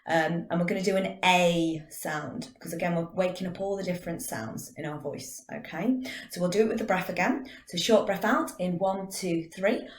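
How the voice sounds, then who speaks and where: A woman teaching drama, calmly guiding a class through a breathing and vocal warm-up and counting out each breath. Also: lowish voice. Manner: calm, counting out breathing exercises. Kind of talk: guided vocal warm-up lesson. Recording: echoey room.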